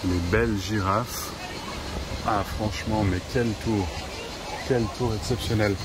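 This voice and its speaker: Slow man vlogging outdoors. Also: lowish voice, steady tone, noisy background. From Switzerland. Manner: slow, hesitant with many fillers. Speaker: French teacher vlogger. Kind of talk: casual vlog narration. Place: outdoors at a zoo.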